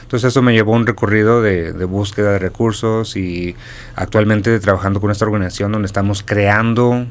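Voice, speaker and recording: A man in his forties from Durango with a northern Mexican accent, a pastor and church planter calmly telling his story as a guest. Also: fairly low pitch, fairly quick, a little hiss or hum. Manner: calm, steady storytelling with small restarts.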